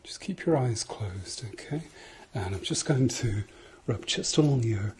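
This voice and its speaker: A British man doing an ASMR ASMR role-play, soft-spoken and slipping into speaks softly, giving insistent, repeated instructions and reassurance. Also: medium pitch, animated, measured pace, slight background noise.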